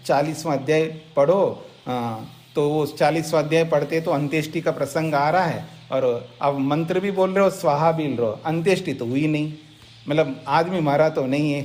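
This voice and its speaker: A man's voice: fairly high pitch, darkish tone. A man, a monk, giving an explanatory scripture lecture, speaking directly to listeners and repeating key points. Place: ashram lecture setting.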